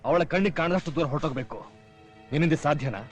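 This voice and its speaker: A man's voice: on the high side, quick pace, close to an everyday voice. A man playing a stern elder brother in a film drama, laying down the law in a slightly raised voice. Faint music sits behind him. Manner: commanding, lecturing.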